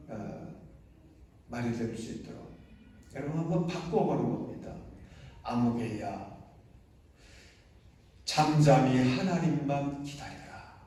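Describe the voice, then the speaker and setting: A man's voice: a little high, dark tone. A middle-aged man preaching a sermon as senior pastor, emphatic and often rising to exhortations and questions to the congregation. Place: large church sanctuary. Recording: echoey church hall, mic from far off.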